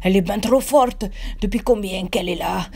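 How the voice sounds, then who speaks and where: A woman's voice: mid-range voice, moderate pace, creaky, dark tone, breathy edge. A woman voicing a loyal male golem protector in a story she reads, talking in a blunt, slangy, urgent way.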